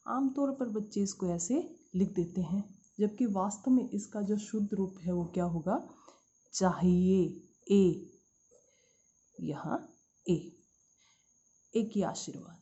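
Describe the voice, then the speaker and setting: A woman's voice: mid-range voice, warm tone. Hindi teacher woman, dull lo-fi recording. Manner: addresses students as "beta", asks and answers own questions. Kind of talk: spelling lesson for schoolchildren. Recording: dull lo-fi sound.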